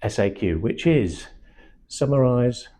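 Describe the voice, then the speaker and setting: An older man from Manchester with a hard-to-place English accent, giving a blunt, animated sales training talk to a small group and slipping into acted-out quotes. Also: medium pitch, slow. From Manchester, England. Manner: blunt and animated, acts out quotes, swears casually.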